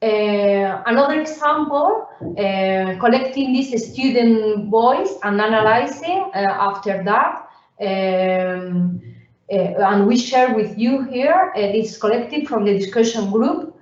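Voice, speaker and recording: Female presenter, slightly high voice, hesitant delivery full of fillers, caught from a distance on a dull recording. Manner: halting, with many fillers and restarts. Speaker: presenter at a research workshop. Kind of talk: academic conference presentation. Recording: roomy, distant, dull sound.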